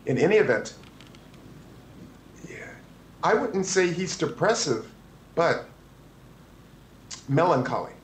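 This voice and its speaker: 50s guy spinning stories in an interview, kinda high voice, echoey room w/ faint hiss. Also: slow, long pauses. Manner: animated, restarts and acts out quotes. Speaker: photographer telling stories as a guest. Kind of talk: anecdotal interview storytelling.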